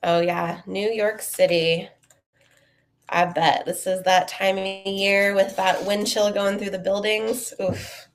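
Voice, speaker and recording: Speaking slowly in a mid-range voice with little pitch movement, this young webinar host sounds a bit sniffly as she recovers from a cold. Her live presentation is upbeat and conversational, full of ums and uhs.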